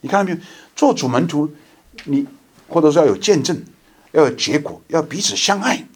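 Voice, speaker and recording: Husky-voiced man preaching a sermon. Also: on the high side, expressive, a little mellow. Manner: conversational, reads scripture slowly and deliberately. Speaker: lay preacher. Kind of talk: sermon with scripture reading.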